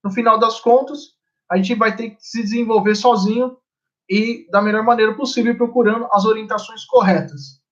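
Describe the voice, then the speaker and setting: A man's voice: sits high, fairly even intonation, moderate pace, highs cut off. A Brazilian man with a Brazilian Portuguese accent hosting a live stream, talking in a rambling, informal way and swearing casually.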